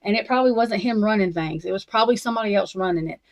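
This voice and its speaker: A woman's voice: mid-range voice, very fast. A woman hosting a true crime talk stream, ranting bluntly and profanely in a casual, rambling way full of restarts and slangy Southern-tinged grammar. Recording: slightly dull, lo-fi sound.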